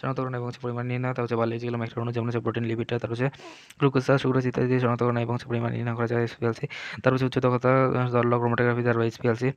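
A man teaching chemistry in a fast exam revision lecture, rattling through points one after another with the same connective phrase between items. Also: medium pitch, completely flat delivery, clear, resonant tone, no room sound, highs cut off. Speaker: chemistry tutor.

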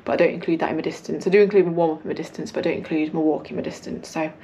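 Rapid-fire and warm, her low-pitched voice holds a steady tone over slight background noise. The young British running vlogger talks to her camera, held at arm's length or propped nearby, in a colloquial, self-mocking way from an indoor hallway.

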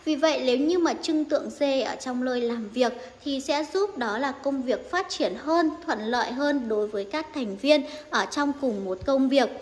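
A young woman showing off a wood carving in an eager, persuasive sales pitch, filmed on a handheld phone. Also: moderate pace, few pauses, long reverb tail. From northern Vietnam. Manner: eager, persuasive, addresses viewers directly. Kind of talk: product showcase sales pitch. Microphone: handheld phone camera.

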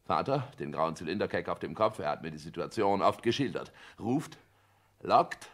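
A low-voiced male actor plays a pompous, calculating husband in a declamatory 1960s radio-play style. At a moderate pace, he boasts and lectures in a boastful, animated manner.

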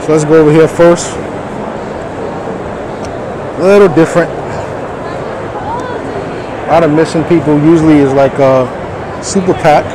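Wearing a face mask, a vlog host strolls a crowded indoor convention hall, speaking in easygoing slang. He sounds a little high-pitched and unhurried, keeping his intonation fairly even and leaving long pauses. Crowd chatter and hall noise make the recording noisy.

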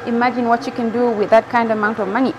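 A young woman with a Zambian accent presenting a live lottery draw as host, announcing and repeating numbers deliberately. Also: a little high, flat delivery. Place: large TV studio, indoors. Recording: clearly noisy studio ambience.

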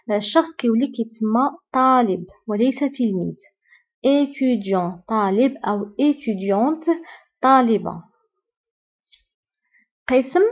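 A woman with a Moroccan Arabic accent teaching French vocabulary, saying each word clearly and repeating it several times. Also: fairly high pitch, dull audio. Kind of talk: vocabulary lesson, repeating words slowly.

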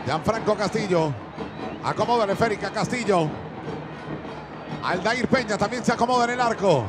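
A man calling football penalties as play-by-play commentator, stretching his goal shouts out long. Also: sits high, normal speed. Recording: broadcast with crowd and music behind.

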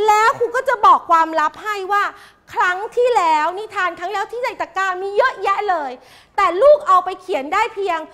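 A woman teaching a class of young pupils, coaxing answers out of them with quick, repeated questions. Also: extremely high pitch, pushed and bright. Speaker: primary school teacher.

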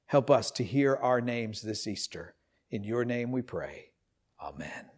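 A man in his fifties, a pastor, preaching and reading scripture in an animated storytelling way, in an empty church. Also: medium pitch, a little slow. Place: empty church sanctuary, indoors.

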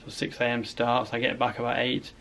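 A man in his thirties walks through the rooms of a house, vlogging in a casual, rambling, matter-of-fact way to a handheld camera held at arm's length. His medium-pitched voice is monotone and fairly bright, and he talks fairly quickly. Background noise comes through clearly.

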